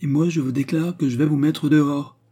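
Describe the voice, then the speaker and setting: A man's voice: mid-range voice, moderate pace, dark tone, slightly rough, pitched above the performer's own voice, close to an everyday voice. A man voicing Beausire, a flustered host who protests and grows angry with his unwelcome guests, in a storybook reading. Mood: indignant. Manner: protesting, rising to anger.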